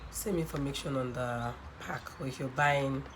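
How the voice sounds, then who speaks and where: This Nigerian skincare vlogger has a bass voice, croaky from a cold, and talks at normal speed. Chatty and casual on camera, she discusses a skincare product while sprinkling in many "um"s and "okay"s. Passing cars can be clearly heard from the road outside the sunny window of her home room.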